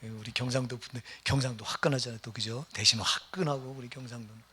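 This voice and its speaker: Casting: middle-aged male pastor, husky, chatty sermon, keeps asking the congregation. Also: mid-range voice, steady tone, quick pace, pushed and bright. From Gyeonggi Province, Korea. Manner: conversational, questions the congregation.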